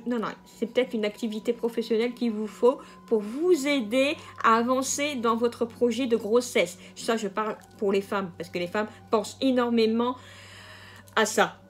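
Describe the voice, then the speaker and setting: A woman giving a casual general tarot reading, hesitant, with many fillers and restarts and the odd laugh at her own jokes. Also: on the high side. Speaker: tarot card reader.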